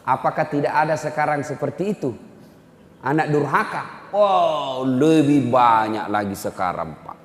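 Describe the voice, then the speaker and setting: A male preacher telling moral stories in a sermon, swinging from loud to hushed. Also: mid-range voice, lively intonation, measured pace. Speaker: ustaz, preacher. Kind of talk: storytelling sermon. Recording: echoey hall.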